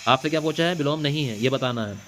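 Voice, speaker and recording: A man's voice: mid-range voice, fast talker, a bit bright. Male exam-prep teacher, repetitive drilling delivery with a faint machine hiss in the background. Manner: repetitive, drilling answers with quiz-back questions. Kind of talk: exam-prep Hindi lesson. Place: classroom or home studio at night. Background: faint hiss of a machine running nearby.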